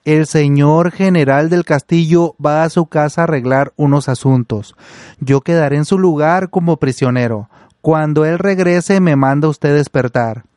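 A man voicing a calm, loyal young colonel who speaks steadily, in a dry close recording. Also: on the high side, moderate pace, no room sound, close to an everyday voice. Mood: steady.

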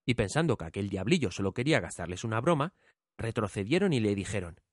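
Expressive male fairy tale narrator. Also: fairly low pitch, quick pace, no echo, clean studio sound. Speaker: storyteller.

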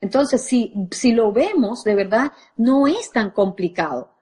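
A woman speaks as a parenting coach, talking straight to a live audience and pulling the listeners into what she says. Her voice sits a little high and has a husky edge. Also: measured pace. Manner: expressive, addresses the audience directly.

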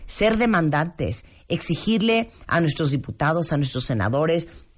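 A male Mexican radio host with a slightly high voice speaks emphatically in the studio, piling up long lists and urging listeners like a preacher. His casual talk keeps a moralizing edge. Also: big pitch swings, a little slow, slightly rough. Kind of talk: casual opinion talk on air.

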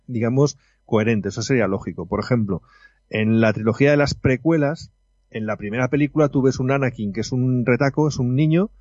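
A man in a casual film discussion, talking in an animated, indignant, informal way. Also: mid-range voice, no room sound, dull audio. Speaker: film commentator.

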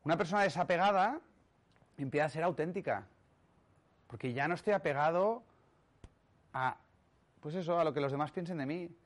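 A man's voice: fairly high pitch, moderate pace, pauses often. A man from giving a motivational talk, emphatic and rhetorical, often checking in with the audience. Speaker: speaker on personal growth.

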